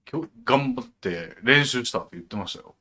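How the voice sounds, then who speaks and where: A man's voice: medium pitch, lively intonation, brisk, background noise. A man with a Kansai Japanese accent hosting a casual podcast chat, laid-back, with many short backchannel replies. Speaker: podcast host.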